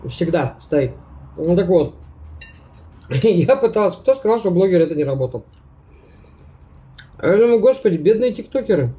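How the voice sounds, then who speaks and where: A woman's voice: on the low side, very animated, normal speed, long pauses, mellow. A woman food vlogger chatting casually to her viewers with her mouth full, chewing as she talks. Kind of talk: casual mukbang chat to viewers.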